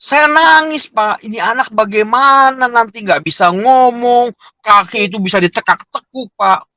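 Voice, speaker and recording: Man, middle-aged, animated storyteller, bright timbre. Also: very high-pitched, normal speed, no echo. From Indonesia. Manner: emotional, animated storytelling with frequent "Pak". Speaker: interviewee. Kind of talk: personal testimony.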